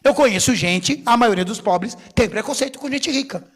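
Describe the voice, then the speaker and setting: A middle-aged man, a bishop, preaching a lively sermon full of stories and jokes, acting out what others said with big swings in his voice. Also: normal speed. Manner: animated, jokey, acts out quotes with big pitch swings. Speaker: bishop and pastor. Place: church sanctuary. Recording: long reverb of a church hall.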